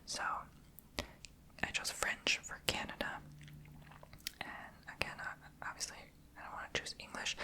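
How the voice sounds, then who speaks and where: Close to the microphone, a woman hosting an ASMR video speaks in a gentle whisper. Each foreign word gets repeated softly and slowly, over and over.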